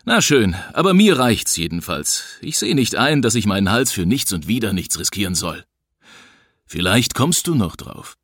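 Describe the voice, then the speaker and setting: A man voicing a weary, stubborn western loner in an audiobook, calm and blunt. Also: lowish voice, moderate pace, no echo. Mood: curt.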